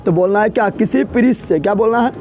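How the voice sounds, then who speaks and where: Talking fast in a high, slightly mellow voice, a man lectures a physics class over faint background music. He keeps asking his students questions and repeating key words over and over.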